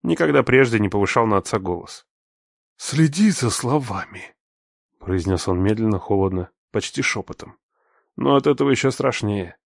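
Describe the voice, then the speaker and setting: A man narrating a first-person story in a tense, measured audiobook style. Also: lowish voice, animated, creaky, no room sound, studio quality.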